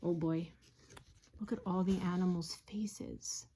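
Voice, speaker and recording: A woman reading a picture book aloud to a class of small children, her voice low and gravelly. She keeps stopping to ask the kids questions and slips into hushed whispers as the story goes on. A faint hiss sits under the recording. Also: steady tone, slow pace. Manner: gentle, asks listeners questions, drops to whispers.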